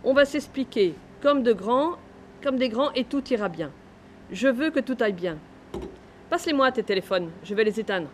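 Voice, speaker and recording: An actress playing a teacher wife who calmly and firmly breaks up with her husband, speaking in a soothing, measured way. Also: fairly high pitch, slight background noise, close to an everyday voice. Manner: calm, soothing, measured and firm. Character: composed teacher wife leaving her husband, gently firm. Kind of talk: theatrical monologue.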